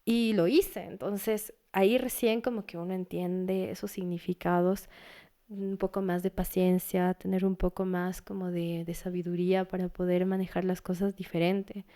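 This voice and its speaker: A woman's voice: lowish voice, level tone, normal speed, dark tone. A woman psychologist speaking as a guest, earnest and advising, who sometimes acts out what parents and teens might say. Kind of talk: casual interview talk.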